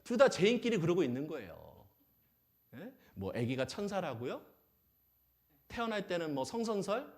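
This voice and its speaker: Brief: male pastor, animated sermon, voice swings up and down, somewhat high. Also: moderate pace, long pauses. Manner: animated, acts out little scenes, asks the audience questions. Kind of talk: lively sermon.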